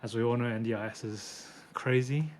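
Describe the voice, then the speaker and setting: A man's voice: medium pitch, steady tone, fairly quick, slight background noise. Chatty young Australian man. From born in Hong Kong, raised in Brisbane, Australia. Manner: chatty, laughs easily, self-deprecating asides. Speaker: physiotherapist guest. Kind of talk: casual podcast chat.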